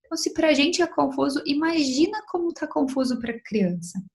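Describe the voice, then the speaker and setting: A young adult woman with a Brazilian Portuguese accent, giving an online lecture to mothers as a child psychologist, in a gentle advising tone with frequent tag questions. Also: high-pitched, animated, moderate pace.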